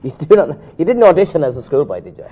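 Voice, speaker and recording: Quick, playful Irish male talk show host, teasing and rambling, on a dull lo-fi recording. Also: fairly high pitch, sing-song, dark tone, husky. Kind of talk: casual chat interview.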